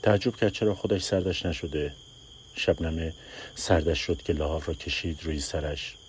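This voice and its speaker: Deep-voiced man reading a story aloud, steady and measured. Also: a little hiss or hum. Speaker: narrator. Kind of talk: storytelling narration.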